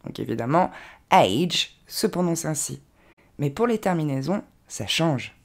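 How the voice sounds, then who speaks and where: A woman with a low, slightly gravelly voice leads an English pronunciation lesson in French. Her intonation rises and falls a lot as she explains. She slows right down to demonstrate each word with care. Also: animated, a little mellow. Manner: clear, patient instruction with slow, careful demonstration of English words.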